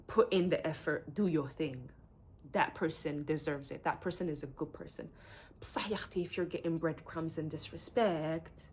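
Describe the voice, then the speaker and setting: A woman's voice: fairly low pitch, fairly bright tone. A woman giving casual, emphatic relationship advice to camera, calling the listener honey and darling and slipping Arabic and French words into her English. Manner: calls the viewer honey and darling. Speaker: advice vlogger.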